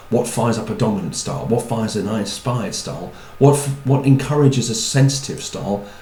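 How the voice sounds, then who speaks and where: Man, wry talk to an audience, mid pitch, echoey room. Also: a little mellow, a little hiss or hum. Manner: chatty, wry asides, repeats words. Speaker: speaker on personality types.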